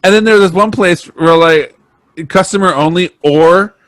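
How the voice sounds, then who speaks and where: A man's voice: sits high, a little slow, no echo. A young man co-hosting a podcast, ranting dramatically and swearing in casual chat. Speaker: podcast co-host.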